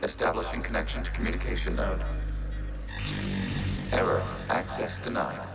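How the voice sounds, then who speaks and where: A man voicing a calm, synthetic machine intelligence in a video game, speaking in an even, clipped, computer-like way. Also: low voice, normal speed. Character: calm, flat-voiced synthetic machine intelligence, a networked AI collective. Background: game music.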